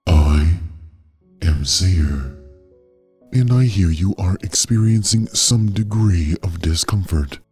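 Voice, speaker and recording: An actor playing a calm, coldly polite AI caretaker, a gentle care robot that speaks in a soothing, measured, clinical way. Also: male voice, sits low, husky, soft background music, full character voice. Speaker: AI overseer of a medical trial. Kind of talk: audio drama narration.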